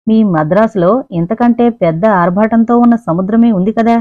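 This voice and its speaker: A woman voicing a polite, calm young man who speaks softly and teases gently, in an audiobook reading. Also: mid-range voice, fairly quick, dry recording, faint music behind, lightly acted. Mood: gentle, teasing. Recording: dry, narrow phone-like sound.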